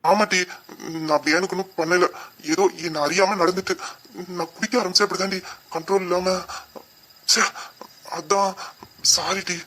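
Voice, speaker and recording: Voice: medium pitch, fairly even intonation, normal speed, long pauses, pushed and bright, a little hiss or hum, close to an everyday voice. A performer playing a remorseful, loving young uncle in an audio drama, speaking tenderly and apologetically.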